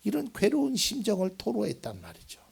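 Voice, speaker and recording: A male pastor preaching a Sunday sermon, swinging between loud emphatic lines and soft, almost whispered ones. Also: high-pitched, huge pitch swings, a little fast, vocal fry, husky. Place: church sanctuary.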